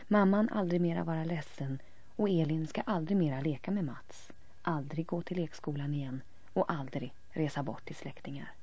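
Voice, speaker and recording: Low, gravelly woman narrating a story. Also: dark tone, no echo. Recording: dull lo-fi recording.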